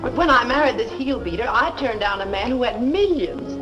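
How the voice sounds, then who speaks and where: An American actress in a 1930s film comedy playing a worldly, wisecracking friend with a wry, sardonic manner. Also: female voice, fairly high pitch, lively intonation, fairly quick, dull audio, natural voice. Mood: wry, rueful. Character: wisecracking, worldly, tough-hearted female rooming-house friend. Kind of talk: 1930s Hollywood comedy acting. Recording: old 1930s film soundtrack, music behind.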